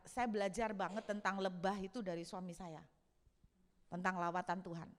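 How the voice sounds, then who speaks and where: A woman pastor preaching a sermon, telling stories in an expressive, humorous way. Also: medium pitch. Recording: long hall reverb.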